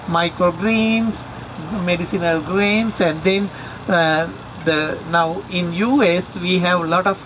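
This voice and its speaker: A middle-aged man from Sri Lanka, a university researcher giving a talk to a community audience, speaking haltingly with many fillers and repeated words. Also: high voice, fairly bright tone, slight background noise, low-quality recording.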